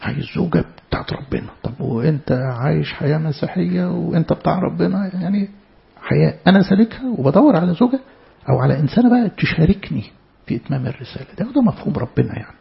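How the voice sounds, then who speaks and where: Egyptian guy preaching a bible sermon, super gravelly voice, kinda high, chatty w lots of questions, dull lo-fi sound. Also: lively intonation, very fast. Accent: Egyptian Arabic. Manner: conversational, asks rhetorical questions. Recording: dull lo-fi recording.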